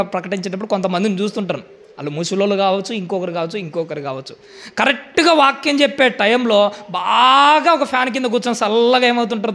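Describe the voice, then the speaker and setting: Preacher, male, very high voice, forceful sermon style with rhetorical questions. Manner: emphatic, asks the listeners rhetorical questions.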